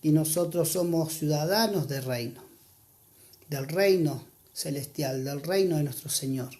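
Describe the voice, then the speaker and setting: A preacher with an Argentine accent and a mellow, medium-pitched voice gives an earnest church sermon and reads scripture aloud. He exhorts his listeners, slowing down to stress key points.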